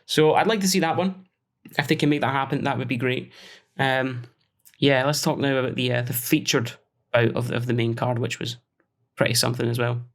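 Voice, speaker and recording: A man's voice: medium pitch, steady tone, brisk. A man hosting a solo podcast, thinking aloud with many fillers and self-corrections as he talks through fight matchups. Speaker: podcast host.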